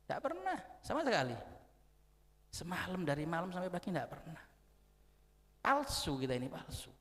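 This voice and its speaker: Emphatic preacher, echoing hall. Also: male voice, a little high, very animated, moderate pace, a bit bright. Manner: emphatic, repetitive preaching with acted prayers. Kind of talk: mosque sermon. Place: mosque. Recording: long hall reverb.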